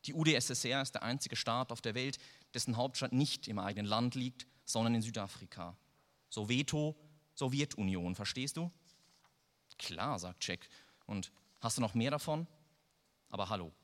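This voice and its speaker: A man's voice: medium pitch, fairly quick, a bit bright. A man reading a first-person story aloud in a dry, wry manner. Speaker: narrator. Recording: long reverb.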